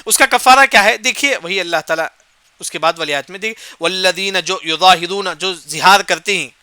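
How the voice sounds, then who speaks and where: A man's voice: high voice, pushed and bright, smooth, no echo. A man giving a Quran commentary lesson. He asks and answers his own questions, repeats key points, and recites short Arabic verse phrases before explaining them. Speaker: Quran teacher.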